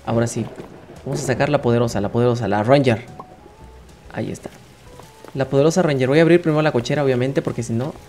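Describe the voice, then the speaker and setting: A man with a Mexican accent narrates his game in a playful, excitable way, talking straight to his viewers in a voice of middling pitch. Faint game music runs under his chatter. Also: quick pace, long pauses. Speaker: gaming channel host. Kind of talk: casual gameplay commentary.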